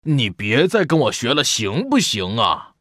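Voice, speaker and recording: A man's voice: medium pitch, sing-song, normal speed, no echo, studio quality. A man voicing a boastful, impatient young anteater big brother in a children's storybook reading, scolding and bossy. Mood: irritated.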